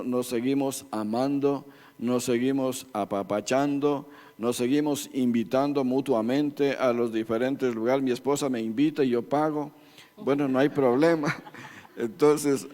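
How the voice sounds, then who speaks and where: An Ecuadorian man in his sixties preaches at a church couples' meeting, folksy and full of jokes. His voice sits at a middle pitch, and a long reverb from the church hall trails each phrase. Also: mellow. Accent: Ecuadorian Spanish. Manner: folksy and joking, addresses listeners as beloved brothers. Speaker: church couples-ministry speaker. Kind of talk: preaching to a congregation.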